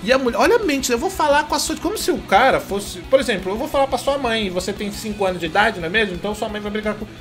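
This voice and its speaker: A man's voice: high-pitched, animated, quick pace, hardly any pauses, a bit bright, faint music behind. A young Brazilian man hosting a show, ranting indignantly and swearing while he reads out a story and acts out its quotes. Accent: Brazilian Portuguese. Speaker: host. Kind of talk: ranting commentary reading a story.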